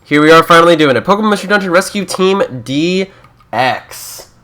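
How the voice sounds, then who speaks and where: A man's voice: high-pitched, expressive, a little fast, a bit bright. A young Canadian man who is a YouTuber, chatting casually through a let's-play, joking and reading game prompts aloud.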